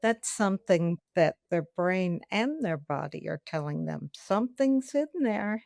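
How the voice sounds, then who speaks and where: Southern woman, podcast guest expert, low gravelly voice, unhurried and explanatory. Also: expressive, darkish tone, no room sound, clean studio sound. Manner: measured, explanatory. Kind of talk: podcast interview.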